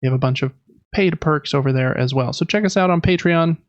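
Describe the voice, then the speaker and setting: In a muffled recording with no echo, a man in his thirties hosts a laid-back podcast about games and life, wandering along in a talkative, self-mocking way. His voice is a little high and his pace brisk.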